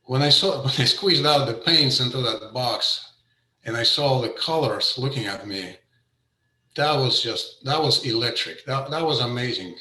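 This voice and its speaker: A middle-aged man gives an informal talk about his painting, stopping often on fillers and restarting his phrases. His voice is bright and forceful. The sound comes over a video call from an echoey room. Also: mid-range voice, moderate pace. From Russia. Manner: hesitant, many fillers and restarts. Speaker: painter giving an artist talk. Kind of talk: informal presentation.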